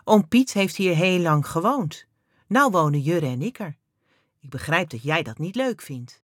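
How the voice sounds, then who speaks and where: Woman reading as a sweet gentle mom, soft voice, a bit husky, lively. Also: lowish voice, unhurried, dry recording, clean studio sound. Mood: understanding. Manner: soft, kindly voice. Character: kind, gentle mother, adult woman.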